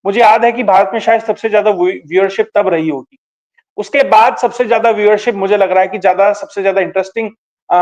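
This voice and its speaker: Male political commentator, high-pitched, measured explanatory delivery with frequent fillers. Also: a little mellow, dull audio.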